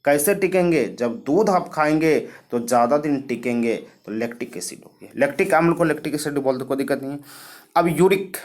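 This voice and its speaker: A man's voice: on the high side, lively intonation, fairly quick. A man teaching a lesson, explaining memory tricks and asking and answering his own questions.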